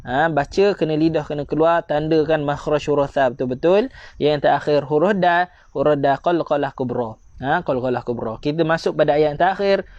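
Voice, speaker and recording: A man with a Malaysian accent teaching Quran recitation online, correcting mistakes and repeating slow, drawn-out examples. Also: a little high, a little mellow, no echo, highs cut off.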